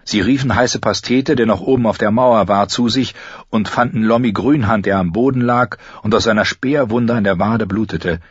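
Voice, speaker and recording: Male audiobook narrator, fantasy novel, husky low voice, steady telling, dull dry lo-fi recording. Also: normal speed, no room sound. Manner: steady storytelling, raises his voice high for the characters' lines.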